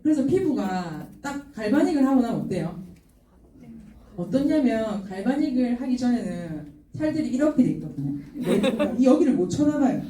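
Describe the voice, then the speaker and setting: Middle-aged woman, lively seminar talk, warm low-toned voice, distant roomy hall sound. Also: moderate pace. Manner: animated, laughing, acts out quoted customers. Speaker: product seminar speaker.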